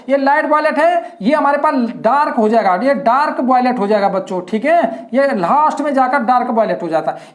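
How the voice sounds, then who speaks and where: A woman teacher explaining a lesson in a repetitive way, often calling her students children. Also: high-pitched. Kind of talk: classroom-style lesson explanation. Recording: echoey room.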